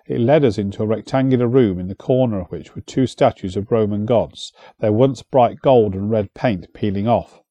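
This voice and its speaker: A man narrating an audiobook in a measured storytelling manner on a close studio mic. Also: lowish voice, warm tone, no room sound.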